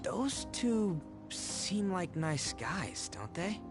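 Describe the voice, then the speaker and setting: A man's voice: high voice, big pitch swings, drawn-out words, exaggerated voice. A man playing a brash teenage boy in a video game, with a blunt, slangy way of talking. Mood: blunt, casual. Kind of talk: English video game voice acting. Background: game music.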